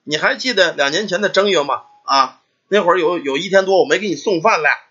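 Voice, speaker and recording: Brief: grieving ghost son, put on by a male storyteller, lower and heavy, husky, dull lo-fi sound. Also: brisk, pushed and bright, full character voice. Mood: sorrowful. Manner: lowered, heavy, sorrowful delivery. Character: devoted young man's ghost, once mute, sorrowful. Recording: dull lo-fi recording.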